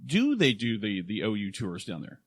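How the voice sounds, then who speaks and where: Male podcast co-host, jokey and loose, animated delivery. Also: lowish voice, normal speed, breathy edge, no echo. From Oklahoma. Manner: playful, jokey, rambling. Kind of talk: casual chat.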